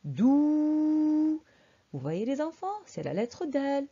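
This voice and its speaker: Slow, lively-pitched woman teaching children. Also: dull audio. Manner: slow, syllable-by-syllable drilling with exaggerated sounds; encouraging, quizzing the class. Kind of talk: dictation lesson for children.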